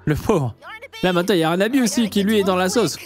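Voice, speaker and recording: Animated young man with a French accent. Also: high-pitched, quick pace, soft background music. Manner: animated, slangy, exclamatory. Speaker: reaction video host. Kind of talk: casual reaction commentary.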